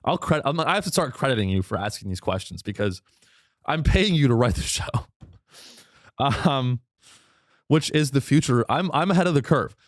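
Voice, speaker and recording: A man hosts his own podcast, delivering a rambling, irreverent comedy monologue full of swearing, with sudden jumps to a high pitch as his voice wears thin. He speaks expressively at a moderate pace with long pauses. The recording is dry and studio quality.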